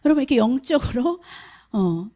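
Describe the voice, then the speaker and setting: Middle-aged woman pastor, emphatic sermon voice, warm and mellow. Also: on the high side, big pitch swings, normal speed. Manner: emphatic preaching, asks the congregation questions. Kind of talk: sermon at a prayer meeting. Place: church hall.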